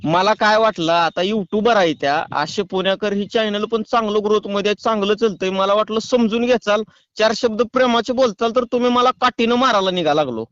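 A man on a prank phone call talks calmly and teasingly in a put-on official tone. His voice is high and smooth, and the muffled line sounds dry and close. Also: brisk, dry recording. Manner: calm, teasing, mock-official. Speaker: prank caller.

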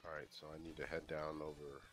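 A man hosting a let's play, chatting casually and excitably with a friend while he plays. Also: rumbling low, fast, music in the background. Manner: excitable, jokey banter with a friend. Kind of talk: casual gameplay commentary.

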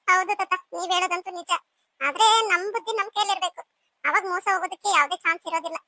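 A cheerful, clever young daughter-in-law from a cartoon , as a woman puts her on. Her voice is very high and bright, and she chats quickly. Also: steady tone, no room sound, exaggerated voice. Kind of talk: cartoon voice acting.

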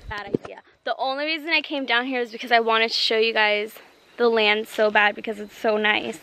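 A woman's voice: fairly high pitch, fairly even intonation, fairly quick, pushed and bright. A young woman vlogging casually outdoors on a handheld camera, chatty, laughing often and a bit out of breath from walking. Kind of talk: casual vlog narration. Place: outdoors on a rural hillside and dirt road.

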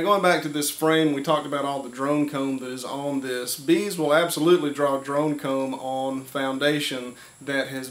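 A man in his thirties giving a relaxed, hands-on beekeeping lesson in a wood-paneled workshop, talking plainly with frequent fillers. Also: medium pitch. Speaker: beekeeper and channel host. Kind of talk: hands-on instructional talk.

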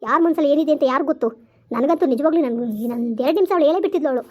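A woman host acting out an anxious, possessive mistress of the house in an amateur family drama. Her voice is high and her speech quick and fretful. She turns to her viewers to ask for support. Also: mellow. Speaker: channel host and actor.

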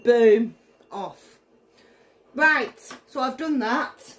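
A woman's voice: fairly high pitch, very slow, a bit bright, a little hiss or hum. A woman with a Northern English accent chatting casually and bluntly while cooking, giggly and tipsy from drink. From northern England. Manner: blunt, chatty, exclamatory, swearing. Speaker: home cook vlogger. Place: indoors in a home kitchen.

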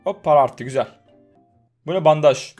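A young man talks through a mobile game in a relaxed, chatty way, his voice sitting a little high. He jokes, curses playfully and coos at the characters, with faint music running under him. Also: moderate pace. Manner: chatty, swears in jest, soothes game characters. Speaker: gaming YouTuber. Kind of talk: casual mobile game commentary.

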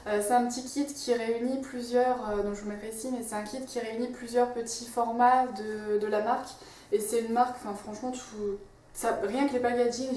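A young woman with a higher, mellow voice chats casually to camera from her home office and living room, a beauty vlogger talking through her wishlist with lots of fillers and restarts. The room is echoey, the mic sits a bit far away, and there's a faint hiss.

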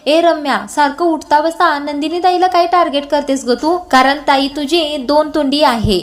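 A woman's voice: sits high, fairly even intonation, normal speed, natural voice. Kavya, a woman voicing a feisty young woman. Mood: sharp. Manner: sharp, confrontational. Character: feisty young woman, quick to defend her sister.

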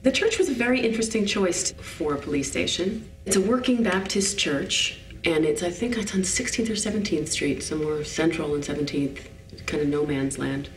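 A woman in her forties gives a behind-the-scenes interview on an indoor studio set, describing it at an unhurried, searching pace. Her voice sits a little back from the mic. The large interior adds a roomy echo around her. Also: on the low side, expressive, distant mic. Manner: thoughtful, descriptive, pauses to find words. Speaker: set designer.

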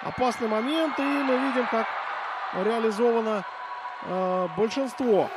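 An excited man calls hockey goals as a live commentator. His voice runs high, and the broadcast is swamped by loud arena ambience. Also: a little slow, very noisy. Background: loud rink ambience.

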